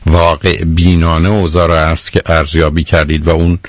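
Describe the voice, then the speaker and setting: A man hosting a radio advice show, answering a caller in a calm, direct, reasoning way. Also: low-pitched, no echo, dull audio.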